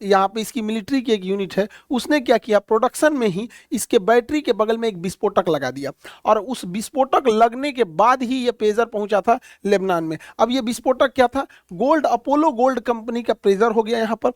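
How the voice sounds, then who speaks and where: Very high-pitched with lively intonation, this man delivers a current-affairs explainer at a moderate pace, pointing out spots on a map in a plain manner with lots of fillers. The clean studio sound has no room sound.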